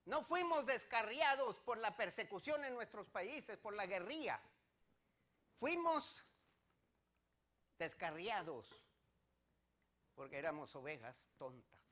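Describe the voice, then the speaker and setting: A man's voice: high voice, sing-song, slow, long pauses, pushed and bright. A male pastor preaching a sermon, rising to emphatic declarations and putting direct questions to the congregation.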